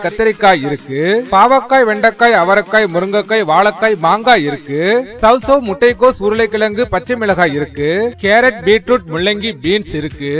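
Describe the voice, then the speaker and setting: A man with a high voice calls out in a sing-song hawker's chant. He announces a mobile vegetable cart and rattles off long lists of produce in a steady, repeated loop. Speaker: vegetable vendor. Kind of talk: looped street-hawker announcement.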